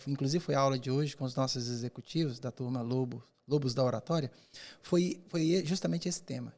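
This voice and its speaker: A public-speaking mentor answers questions in a podcast interview, his voice slightly high with a darkish tone. His delivery is emphatic and rhetorical, and he repeats words for effect.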